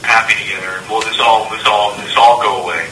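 A man's voice: on the low side, steady tone, a little fast, background noise. A man talking on a jail payphone call, boastful and rambling in casual chat, heard as an echoey phone recording. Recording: echoey phone line played in a courtroom.

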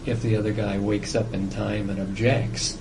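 A man speaking as a psychiatrist in a recorded evaluation interview, explaining things deliberately and at length, with hesitant pauses. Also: fairly low pitch, little pitch movement. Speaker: psychiatrist doing a competency examination. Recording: noisy old interrogation-style tape.

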